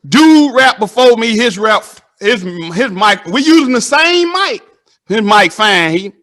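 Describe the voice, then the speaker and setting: A man, hosting a casual interview and telling animated stories that act out the dialogue. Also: sits high. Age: 30s. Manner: animated storytelling, acts out dialogue.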